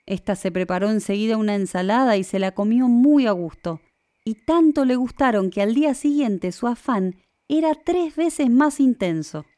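A woman narrating a classic fairy tale in a measured storytelling manner. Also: fairly high pitch, expressive, warm tone, no echo.

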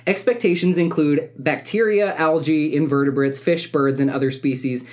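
A woman co-hosting a podcast, telling stories in a relaxed, chatty way with plenty of fillers. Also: low-pitched, moderate pace. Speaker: podcast co-host. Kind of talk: casual chat.

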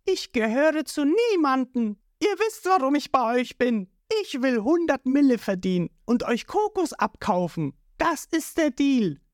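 A woman's voice: high voice, sing-song, a little slow, few pauses, a little mellow, no echo, clean studio sound, voice pushed up. A woman voicing a greedy young female thief who speaks in a curt, scornful way.

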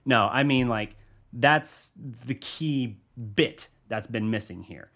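A man's voice: medium pitch, lively intonation, slow, creaky, fairly bright tone. A man hosting a sports podcast, talking through his views casually and thinking aloud, with frequent restarts. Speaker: podcast host, sports journalist. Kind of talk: solo sports podcast commentary.

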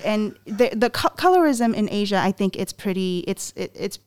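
A woman from Myanmar in her twenties, a panel guest telling a personal story in an earnest, halting way with many restarts. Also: mid-range voice, animated, darkish tone.

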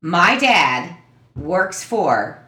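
A woman in her fifties tells family stories with lively swings of pitch and a bright, forward voice. She sounds chatty and exasperated. The room gives her voice a clear echo. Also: very slow. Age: 50s. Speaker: podcast host. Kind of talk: casual storytelling chat. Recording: echoey room.

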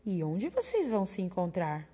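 A woman's voice: on the low side, huge pitch swings, normal speed, dark tone. A woman voicing a nervous, hungry female snake who keeps asking questions in a storybook reading.

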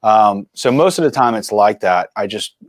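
Animated, chatty man with a dry sound. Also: fairly low pitch, moderate pace, no echo. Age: 40s. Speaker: guest, filmmaker and mountain biker. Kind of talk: casual interview chat.

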